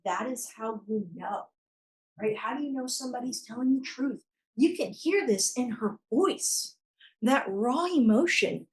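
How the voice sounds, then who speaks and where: A woman's voice: fairly high pitch, animated, unhurried, low-quality recording. A woman prosecutor giving a courtroom closing argument, emphatic and pressing her points through repetition. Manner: emphatic, repeating key phrases for force.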